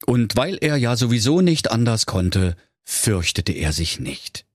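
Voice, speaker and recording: Brief: male storyteller, comic fairy tale for kids, lively and varied pitch, dry close sound. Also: a little slow, dry recording. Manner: playful, animated storytelling.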